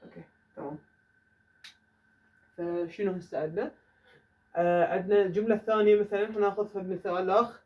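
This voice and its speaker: Man, Iraqi Arabic accent, high voice, grammar lesson at a whiteboard, sounds far from the mic. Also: fairly even intonation, dull audio. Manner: says English example sentences slowly and deliberately. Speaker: English teacher. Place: classroom with a whiteboard.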